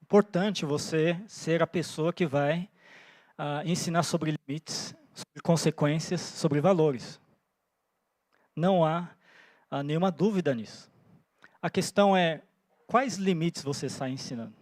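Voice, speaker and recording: In a church, a Japanese-born pastor in his forties delivers an earnest sermon in a fairly high, darkish voice, taking his time. He thinks aloud and checks in with his listeners. The audio is close and dry, with no room sound.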